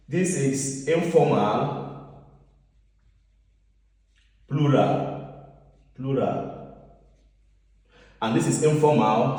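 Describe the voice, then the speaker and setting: A man teaching a beginners' language lesson, repeating words and asking the listener questions. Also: mid-range voice. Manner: repetitive, asks the listener questions. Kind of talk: classroom-style lesson. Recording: roomy echoing hall, mic far off.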